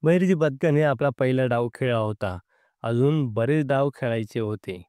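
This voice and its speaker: Male narrator for a historical audiobook, smooth and resonant, steady delivery. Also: medium pitch, dry recording, clean studio sound. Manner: steady, measured reading. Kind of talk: scripted storybook narration.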